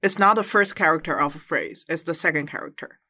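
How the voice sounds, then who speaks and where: Bright-voiced co-host. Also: mid-range voice, lively intonation, fast talker. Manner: patient, corrects tones plainly. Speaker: podcast co-host. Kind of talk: casual chat.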